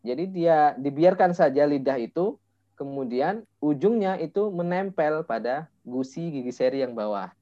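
A male Quran recitation teacher coaching a student one-on-one, patiently demonstrating sounds slowly and filling pauses with "eh". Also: fairly high pitch, lively intonation, mellow. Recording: dull lo-fi voice message audio.

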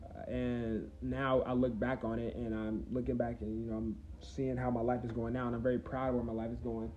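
A man's voice: mid-range voice, flat delivery, fairly quick, slight background noise. A man of about twenty, hosting a solo podcast and talking in a rambling, reflective way with lots of fillers and restarts. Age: 20s. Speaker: podcast host. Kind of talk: casual solo podcast talk. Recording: roomy, slightly dull recording.

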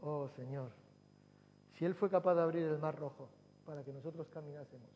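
A man's voice: fairly high pitch, brisk, a little mellow. Male preacher, emphatic sermon, echoing hall, faint hum. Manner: preaching with swelling emphatic cries and repetitions. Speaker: pastor. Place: church hall.

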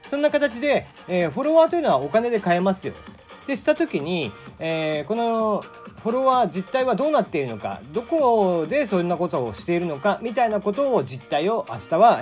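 A man's voice: sits high, big pitch swings, brisk, darkish tone, soft background music. A man hosting his own casual talk show, chatty and rambling, often stopping to correct himself. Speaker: podcast host. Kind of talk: casual solo radio talk.

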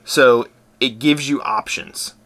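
A man with a bright, forceful voice, co-hosting a casual podcast. He is laid-back and agreeable and often chimes in with quick remarks. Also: medium pitch, steady tone. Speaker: podcast co-host.

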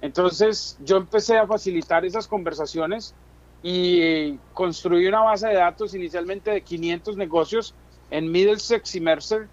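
Speaking in casual Spanish with a Colombian accent, this middle-aged business chamber chairman shares his personal story in an interview. He talks a little slowly in a high voice, captured on lo-fi audio.

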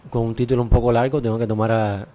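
A man with a Cuban accent, a film director on a radio show, explaining his film in a relaxed, explanatory way. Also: medium pitch, quick pace, muffled recording. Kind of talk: interview answers.

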